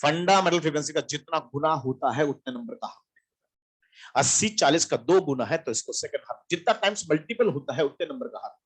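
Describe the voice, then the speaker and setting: Husky-voiced man teaching physics. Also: a little high, animated, fast talker. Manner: asks questions and answers them himself, repeats key terms. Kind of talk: classroom lecture.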